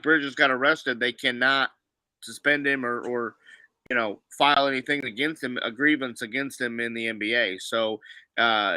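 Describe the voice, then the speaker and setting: A male co-host with a very bright, sharp, tense voice. He explains things in a matter-of-fact way during casual sports chat. The recording is dry, with no room sound. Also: mid-range voice, no echo. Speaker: podcast co-host.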